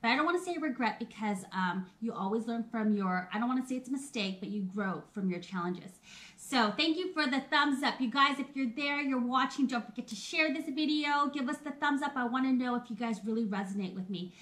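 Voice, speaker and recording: Fairly high and fairly bright, the voice belongs to a woman in her thirties who speaks at a fairly quick clip. In a relaxed live video she addresses her viewers directly, personal and talkative, often breaking into laughter.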